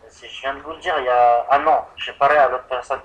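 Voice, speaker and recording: A fast-talking man with a steady, medium-pitched, slightly bright voice makes an improvised prank call. He poses as an insurance customer on the phone, rambling hesitantly like someone confused.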